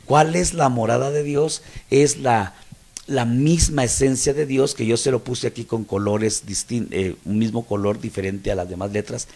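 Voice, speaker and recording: A man's voice: medium pitch, moderate pace, a little mellow. A man with a Mexican Spanish accent, a pastor teaching a Bible study, explaining terms and checking that listeners follow.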